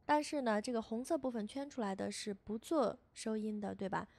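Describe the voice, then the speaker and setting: A woman's voice: fairly high pitch, vocal fry, darkish tone, dry recording. Patient teacher woman, dry close voice. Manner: patient, repeats each syllable slowly for learners. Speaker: language teacher. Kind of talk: scripted lesson voice-over.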